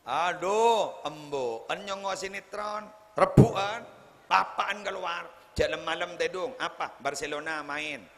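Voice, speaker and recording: Madurese-accented preacher, slow and booming in a hall. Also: male voice, vocal fry, fairly bright tone, a little hiss or hum. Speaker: Islamic preacher. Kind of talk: humorous religious sermon at a wedding gathering. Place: large hall at a wedding celebration. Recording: live hall sound with faint crowd ambience.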